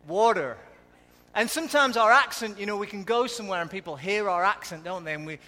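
Lancashire male preacher, conversational, high and forceful, live in a reverberant church. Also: fast talker. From Lancashire, England. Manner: conversational, asks the audience questions. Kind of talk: live sermon. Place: church hall.

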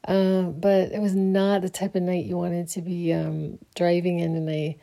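Young woman, vlogger, mellow and low-pitched, sleepy late-night ramble full of fillers. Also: little pitch movement, normal speed, creaky. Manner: rambling, many fillers and restarts. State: sleepy, yawning. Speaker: counselor. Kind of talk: casual personal vlog.

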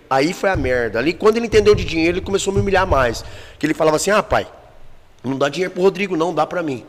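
A man's voice: a little high, long reverb tail. A man with a Brazilian Portuguese accent in a casual podcast chat, telling a personal story bluntly and emotionally with plenty of swearing. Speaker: guest telling his life story.

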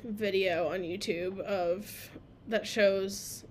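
A woman's voice: medium pitch, steady tone, extremely slow. A young adult woman co-hosting a podcast, telling rambling stories in casual chat and often breaking into laughter. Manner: chatty, rambling storyteller who often laughs. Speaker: podcast co-host.

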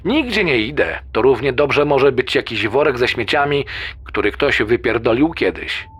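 A man's voice: mid-range voice, expressive, normal speed, a bit bright, breathy edge, dry recording, voice pushed up. A man voicing a lazy, sarcastic young man who answers over a walkie-talkie in a spoken horror story. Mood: dismissive. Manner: teasing, sarcastic, swearing.

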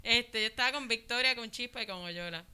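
A comedian with a Puerto Rican accent telling a lively story in casual chat. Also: female voice, fairly high pitch, brisk, a little hiss or hum.

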